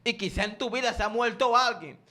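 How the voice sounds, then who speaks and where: A man with a high, bright, forceful voice preaches a sermon. He keeps asking his listeners questions and answers them himself. Now and then he calls on the congregation to say the words back to him. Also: fairly quick.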